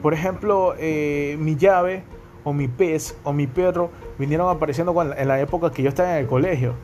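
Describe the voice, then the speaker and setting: This young man from Guayaquil hosts a podcast in a coastal Ecuadorian accent, chatting casually alone and frequently asking his listeners "¿me entienden?" His voice is fairly high, a little fast and darkish, with slight background noise behind it.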